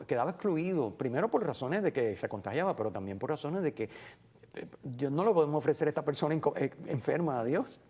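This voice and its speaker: A man reflecting on the Sunday gospel in a relaxed conversational way, with many fillers and acted-out quotes. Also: medium pitch. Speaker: guest commentator on the Sunday gospel. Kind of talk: casual Bible reflection.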